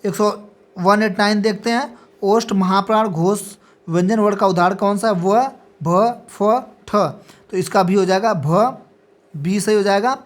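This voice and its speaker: At a measured pace and in a mid-range voice, a woman teacher reads aloud multiple-choice exam questions with their options. She follows every answer with a short confirming "ठीक है", as part of an exam practice lecture.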